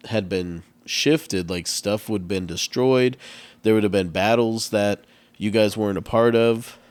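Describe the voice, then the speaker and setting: A man with a stuffed-up nose, chatting casually as a game master and rambling through restarts and fillers. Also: on the low side. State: congested, stuffed up. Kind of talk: casual podcast chat.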